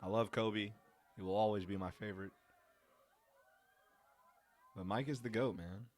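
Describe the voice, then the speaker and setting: Low-voiced man doing excited watch-along chat. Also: a little slow. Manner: excited, chatty, addresses listeners as y'all. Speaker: podcast host. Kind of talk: live watch-along commentary.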